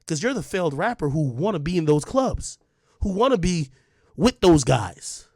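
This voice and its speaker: A young adult man, an online media personality, rants confrontationally straight to camera, heatedly repeating his points. His voice is a little high and very animated, with a darkish tone and moderate pace, in clean studio sound with no room noise.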